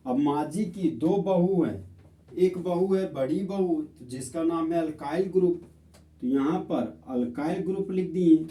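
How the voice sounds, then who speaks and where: Guy teaching chemistry real slow, deep mellow tone, sounds kinda far from the mic in an echoey room. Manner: slow, friendly explaining, often calls listeners friends. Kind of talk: classroom lesson.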